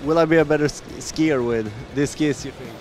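A man's voice: a little high, brisk, a little mellow, faint music behind. Casual male interviewer at a trade fair. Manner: casual, brief questions. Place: busy indoor trade fair hall. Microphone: handheld mic with windscreen.

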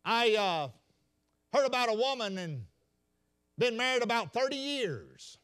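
Baptist pastor guy preaching, really high voice, homey stories, keeps saying ladies and gentlemen. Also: sing-song, measured pace, smooth. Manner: folksy storytelling preacher, addresses "ladies and gentlemen". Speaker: senior pastor. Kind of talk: sermon. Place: church sanctuary.

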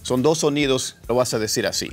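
A man teaching English pronunciation, repeating example words slowly as drills. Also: mid-range voice, soft background music. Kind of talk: pronunciation lesson.

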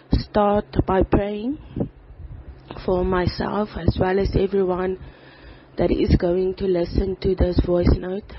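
A person recording a voice note on a phone, praying and then telling their life story in an earnest, halting way with pauses and fillers. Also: medium pitch. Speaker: person giving a testimony. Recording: slightly dull voice note with faint background noise.

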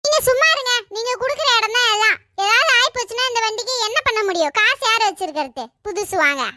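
A woman voicing a stingy, sharp-tongued village housewife in a cartoon, with a Kanyakumari Tamil accent and a scolding, bickering way of talking. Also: extremely high pitch, expressive, quick pace, dry recording, heavily acted. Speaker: wife.

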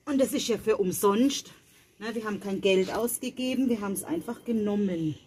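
A woman's medium-pitched, darkish voice comes across brisk as she vlogs for her viewers, planting in the garden at night. She's a mother keeping things chatty and direct, with a little hiss or hum audible.

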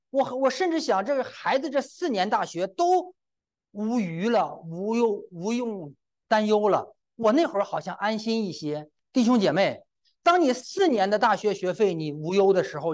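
A middle-aged male preacher giving a testimony-filled sermon, his voice rising and falling with lively, expressive intonation. He keeps breaking in with exclamations and turns to speak straight to the congregation. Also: high-pitched. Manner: exclamatory, often breaks in with "wa", addresses the congregation directly.

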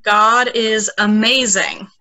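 Bright, slow woman leading a children's prayer. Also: fairly high pitch, steady tone. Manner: deliberate, pausing for repetition. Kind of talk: call-and-response prayer in short phrases. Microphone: group video call.

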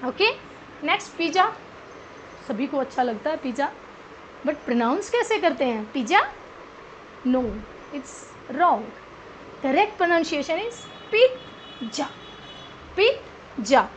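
A woman's voice: sits high, big pitch swings, measured pace, pauses often, slight background noise, rough recording. A woman teaching English pronunciation in a mix of Hindi and English. She repeats each word and quizzes the viewer.

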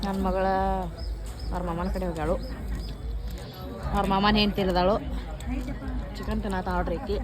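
A woman's voice: mid-range voice, steady tone, normal speed, long pauses. A woman with a North Karnataka Kannada accent, chatting to her viewers in a casual vlog and pointing things out as she goes. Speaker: vlogger. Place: crowded outdoor village fair. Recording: busy outdoor crowd noise behind.

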